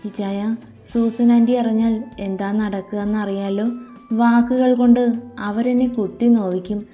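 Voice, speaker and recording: A woman's voice: fairly even intonation, normal speed, warm tone, faint music behind, lightly acted. A woman doing a shy young college girl. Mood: tearful. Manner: shy, pleading, higher pitched.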